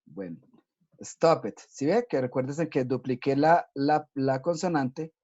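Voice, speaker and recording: A man's voice: mid-range voice, measured pace, a little mellow. A man teaching children English, patiently explaining step by step and often checking in with "¿listo?". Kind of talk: recorded online class for children. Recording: dull lo-fi recording.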